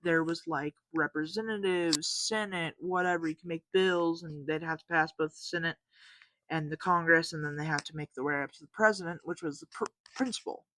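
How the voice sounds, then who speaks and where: A man's voice: on the high side, fairly even intonation, fairly quick, sharp tone, slight background noise. A teenage boy hosting a podcast, telling a story casually in a rambling way, full of fillers and restarts, and often losing track of what he was saying. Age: teens. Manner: loses track mid-story. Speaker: podcast host.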